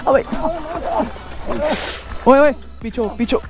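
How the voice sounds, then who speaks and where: A man's voice: extremely high pitch, steady tone, takes it slowly, muffled recording. A man vlogging, trying to break up a fight and arguing back in exasperated, pleading outbursts. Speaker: motovlogger. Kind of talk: casual vlog argument.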